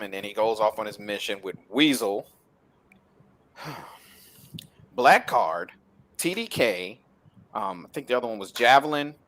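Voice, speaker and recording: A man's voice: medium pitch, a bit bright. A man hosting a casual film discussion, recapping plots with frequent laughter. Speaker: host.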